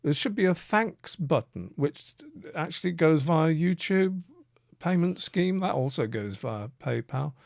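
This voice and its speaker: A man's voice: a little high, expressive, unhurried, gravelly, few pauses, no room sound, clean studio sound. A man co-hosting a casual live question-and-answer chat, talking hesitantly with many fillers and restarts. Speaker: co-host.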